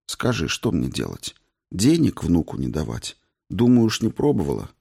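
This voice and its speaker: A man voicing a sad, mysterious grandmother who speaks softly and wearily. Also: low-pitched, wildly swooping pitch, moderate pace, gravelly, husky, exaggerated voice. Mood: sorrowful. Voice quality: hushed, rustling. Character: sad, mysterious grandmother, soft-spoken, weary.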